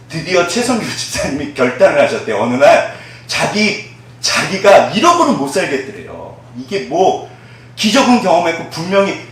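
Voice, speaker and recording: A male pastor preaches with a voice that climbs and drops all the time, tossing questions back at the listeners. The sound is very roomy, as if caught from some distance away in a large church. A faint hum sits under it. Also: on the high side. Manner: lively, conversational preaching with call-and-response questions; acts out quoted voices, dropping to a soft hush. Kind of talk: sermon.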